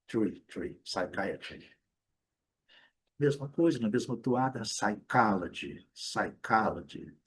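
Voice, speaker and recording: A man with a Brazilian Portuguese accent explains English pronunciation to learners, patiently repeating each example word slowly and clearly. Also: mid-range voice, darkish tone. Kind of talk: classroom explanation.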